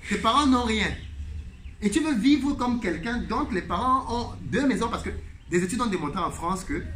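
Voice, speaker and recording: A man's voice: high voice, lively intonation, moderate pace, fairly bright tone, a little hiss or hum. A man host telling a story in a monologue, animatedly retelling a conversation with emphatic repetition.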